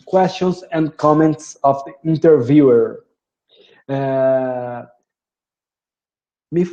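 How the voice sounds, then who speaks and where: A man in his thirties with a Brazilian Portuguese accent, teaching an online lesson and repeating phrases slowly with many fillers. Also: a little high, dark tone, muffled recording. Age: 30s. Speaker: English teacher. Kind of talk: online lesson with screen share.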